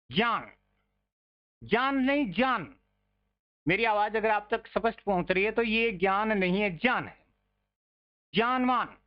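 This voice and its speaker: A man's voice: high-pitched, lo-fi sound. A man teaching an online grammar lesson, patiently repeating words to drill their pronunciation and calling his listeners friends.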